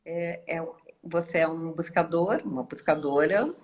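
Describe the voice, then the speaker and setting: Lady hosting a live chat, talks real slow, thinks out loud, lots of "right?". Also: deep voice, a little hiss or hum, poor audio. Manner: slow, musing, many hesitations and tag questions. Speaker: host. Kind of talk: reflective live online talk.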